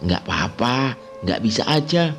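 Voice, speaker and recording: A man voicing a quiet, eerie young child who gives short, flat, evasive answers, over background music. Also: mid-range voice, a little slow, creaky, a little hiss or hum, pitched above the performer's own voice, exaggerated voice. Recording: music playing underneath.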